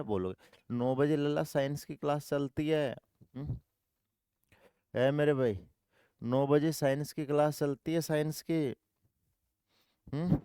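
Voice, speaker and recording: A man's voice: medium pitch, dark tone, smooth, no room sound, studio quality. A male maths teacher running an online coaching class, repeating each step and answering his own questions, calling students "dear brother".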